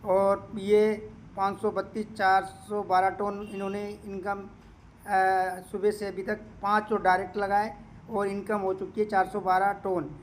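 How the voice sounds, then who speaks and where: A man walking viewers through a screen of earnings and doing the sums aloud, repeating the figures and pausing often to hesitate. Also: sits high, monotone, a little hiss or hum. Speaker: crypto income promoter. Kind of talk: screen-share walkthrough with running calculations.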